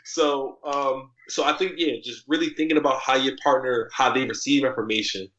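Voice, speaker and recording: A man guest on a podcast, telling stories in a casual, animated way, full of slang and "like," jumping up in pitch often. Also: moderate pace. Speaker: podcast guest, article writer. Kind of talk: casual conversational storytelling. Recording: roomy, slightly dull podcast audio.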